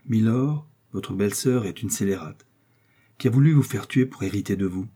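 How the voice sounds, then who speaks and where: A man reading the lines of an eager, impatient young musketeer in a lively way. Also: fairly low pitch, moderate pace, husky.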